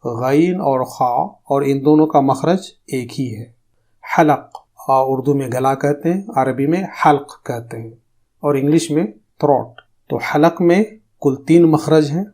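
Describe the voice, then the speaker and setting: Man teaching, slow drawn-out demonstrations. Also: a little high. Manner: explains calmly, then drags out demonstration syllables slowly. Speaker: tajweed teacher. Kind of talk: recorded lesson.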